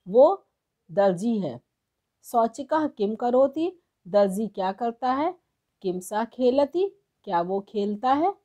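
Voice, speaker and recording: A woman's voice: fairly high pitch, warm tone. A woman teaching a textbook lesson, reading lines aloud and translating them, spelling out words syllable by syllable. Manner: slow, spelling out syllables one by one. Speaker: Sanskrit teacher.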